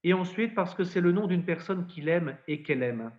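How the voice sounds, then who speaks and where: A male priest recounts a story in a podcast conversation, with a slightly higher voice for a man. He narrates at length and brings quoted lines to life. The sound is dull and lo-fi. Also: expressive, normal speed, darkish tone. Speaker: priest and spiritual adviser.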